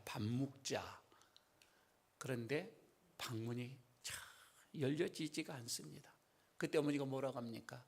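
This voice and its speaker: A male pastor preaching a sermon in a church sanctuary, swinging from loud emphasis to hushed whispers. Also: medium pitch, gravelly, husky. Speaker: senior pastor.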